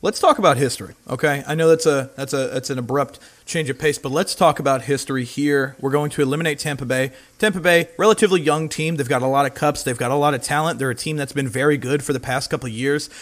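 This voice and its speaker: A man's voice: medium pitch, quick pace, few pauses, fairly bright tone. Emphatic opinionated hockey talk host, man. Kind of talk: hockey talk show banter.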